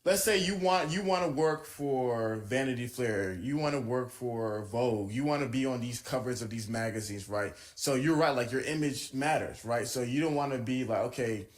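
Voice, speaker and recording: A man's voice: medium pitch, normal speed, few pauses. Brief: male podcast interviewer, mid-range voice, casual, rambling with lots of fillers. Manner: rambling, filler-heavy questioning.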